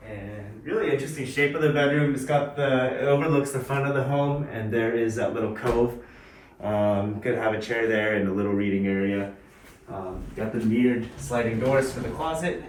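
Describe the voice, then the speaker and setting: A man giving a casual, low-key walk-through house tour as a real estate agent, tentative and mildly approving. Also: normal speed. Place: inside a mostly empty house, walking through. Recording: echoey empty rooms, distant mic, background noise.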